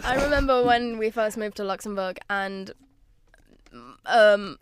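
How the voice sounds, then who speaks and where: A woman's voice: medium pitch, measured pace. A young woman of about nineteen co-hosting a podcast in casual chat, teasing and chatty. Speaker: podcast co-host.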